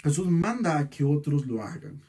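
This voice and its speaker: Husky, animated male preacher. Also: a little high, normal speed. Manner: animated preaching with rhetorical questions. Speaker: pastor. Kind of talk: sermon.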